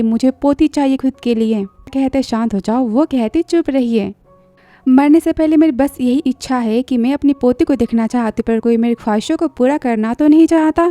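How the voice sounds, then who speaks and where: A woman's voice: high-pitched, mellow, no room sound. A woman narrating a drama recap in a chatty storytelling way, briefly acting out the characters' lines.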